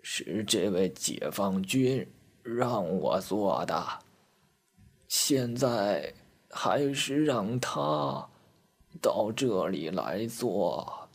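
A man voicing a gentle old woman on a train, speaking slowly and softly. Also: lowish voice, lively intonation, breathy edge, full character voice. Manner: slow, soft, quavering.

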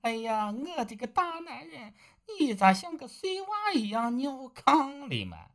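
A woman's voice: sits high, wildly swooping pitch, unhurried, pitched above the performer's own voice, exaggerated voice. A woman voicing a blunt young village wife who teases and scolds her husband. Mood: teasing. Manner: teasing, scolding.

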